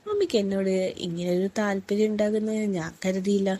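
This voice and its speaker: A woman voicing an earnest, hesitant young man in a story reading, speaking low and haltingly. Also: fairly even intonation, dark tone, natural voice.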